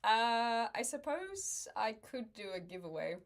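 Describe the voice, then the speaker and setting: A woman's voice: fairly high pitch, very animated, unhurried. A woman, chatting casually with viewers on a livestream, laughing often and making wry asides. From New Zealand. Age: 20s.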